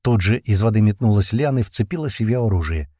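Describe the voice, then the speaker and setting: A man's voice: lowish voice, expressive, quick pace, no echo, studio quality. Tense urgent male audiobook narrator. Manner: tense, urgent, shouts dialogue lines. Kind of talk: first-person audiobook narration.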